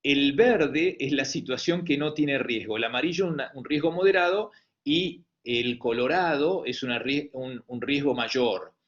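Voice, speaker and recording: A man's voice: mid-range voice, unhurried. Man lecturing with Argentine Spanish accent. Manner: hesitant, many fillers and restarts. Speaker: medical lecturer. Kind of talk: online lecture. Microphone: video call. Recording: dull lo-fi online call audio.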